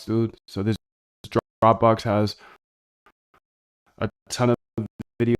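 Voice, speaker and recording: A fairly low, smooth male voice speaks slowly in a level tone, though the audio quality is poor. He's streaming his screen as he works, rambling in slang and chatting with viewers.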